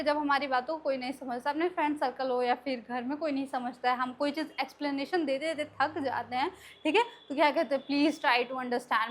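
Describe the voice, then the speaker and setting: Woman, high voice, English teacher explaining phrases patiently, keeps checking understanding. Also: a bit bright. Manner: explanatory, repeats "ठीक है" often. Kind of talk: spoken English lesson in Hindi.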